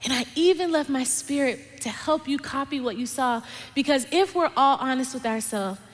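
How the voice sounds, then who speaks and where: Young adult woman, fairly high voice, lively guest sermon from a church stage, long hall reverb. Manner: dynamic, conversational preaching, drops to soft emphasis. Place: large church stage with lights and screens.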